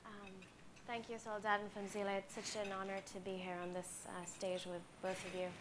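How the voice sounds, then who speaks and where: A young woman from Pakistan speaks as a guest on a panel stage. Her voice sits at an ordinary middle pitch, and she talks in an earnest, measured way with plenty of soft fillers. A faint hum of room noise sits beneath her. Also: flat delivery.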